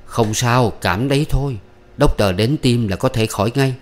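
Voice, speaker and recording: A man reading aloud, voicing a calm young man who speaks reassuringly. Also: mid-range voice, moderate pace, voice pushed up, close to an everyday voice.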